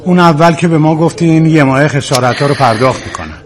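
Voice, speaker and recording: A man's voice: fairly high pitch, natural voice. An actor playing a frustrated male client who complains insistently about a delayed payout, in a TV drama.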